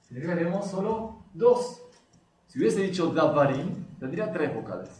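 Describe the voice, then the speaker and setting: A man leads a lesson on a religious text. He reads a passage, then breaks it down and questions his listeners. His voice sits somewhat high, and a faint hiss runs under the recording. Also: sing-song, normal speed, a little mellow. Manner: reads passages aloud then explains them, asks the class questions. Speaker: rabbi teaching a text.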